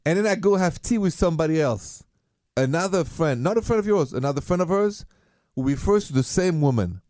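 A man's voice: on the high side, lively intonation, fairly quick, darkish tone, no echo, studio quality. A man with a French accent chatting casually as a radio co-host, romantic and earnest in manner.

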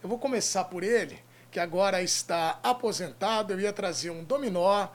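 A man's voice: sits high, moderate pace. A man with a Brazilian accent hosting a talk show in a chatty, effusive showman's way. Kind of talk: chatty, upbeat show presenting. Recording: clear background noise.

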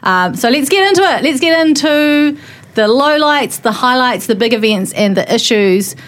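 A woman's voice: sits high, expressive, moderate pace. A woman with a New Zealand accent casually hosting a studio panel podcast in an informal, jokey way. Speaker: podcast host and manager.

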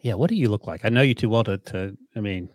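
A man's voice: fairly low pitch, quick pace, darkish tone, no room sound. A man in his forties co-hosting a sports podcast, with dry and sarcastic humor. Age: 40s. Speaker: podcast co-host. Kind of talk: casual sports podcast banter.

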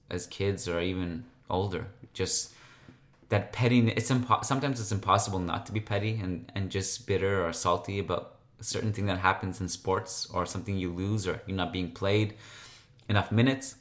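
A man hosting a sports podcast solo, talking casually in a rambling, conversational way. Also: low-pitched.

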